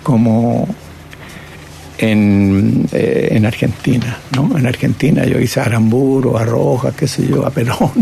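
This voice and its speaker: Older man, gravelly, mellow, reflective, interview guest. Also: mid-range voice, fairly even intonation, unhurried, a little hiss or hum. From Chile. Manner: reflective, tags phrases with "¿no?". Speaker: guest cartoonist and painter. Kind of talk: reminiscing interview.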